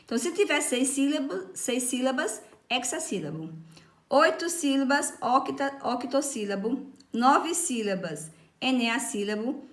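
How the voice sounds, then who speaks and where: A woman's voice: sits high, lively intonation, a little slow, fairly bright tone, reverberant. A woman teacher, patiently explaining a lesson and checking often that her students follow. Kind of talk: recorded online lesson.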